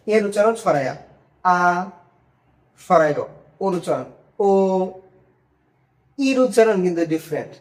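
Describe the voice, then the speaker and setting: This medium-pitched, slightly mellow voice belongs to a Chinese pronunciation teacher online. Patiently, sound by sound, the teacher drills pronunciation and keeps confirming that learners are following.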